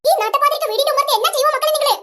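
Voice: very high-pitched, very fast, pushed and bright. A performer voicing a nagging mother in a comic family skit, scolding her children late at night. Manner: bossy, nagging.

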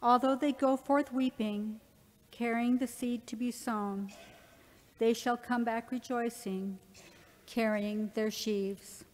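A middle-aged woman reading scripture as a lector, measured and careful, with echoing church reverb. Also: a little high, fairly even intonation. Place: large church, at the ambo.

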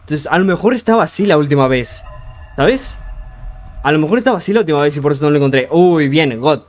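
A young man giving frantic live commentary on a horror game, urging himself on with rapid repeated words and joking with the game's characters. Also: on the high side, faint music behind. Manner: jokey, talks to the game's characters. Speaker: gaming streamer.

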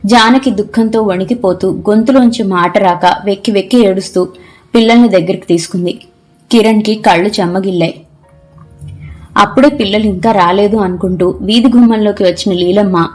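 A woman narrating a novel for an audiobook in a measured, expressive storytelling voice. Her pitch sits in the middle range for a woman. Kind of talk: scripted narration.

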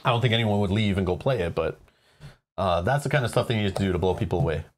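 A man's voice: low voice, quick pace, slight background noise. A man hosting a livestream in a casual, conversational way. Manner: informal and conversational. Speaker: livestream host.

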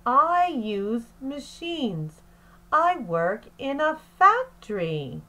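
With deliberate phrasing, a woman teacher reads expressively to a group of young children, much like a picture-book lesson. She speaks with a high-pitched voice.

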